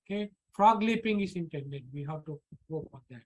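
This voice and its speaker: A man with an Indian English accent giving an online lecture, halting and repeating words with frequent fillers. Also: fairly high pitch, expressive, rough recording. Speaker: professor presenting a workshop lecture. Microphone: computer mic on a video call.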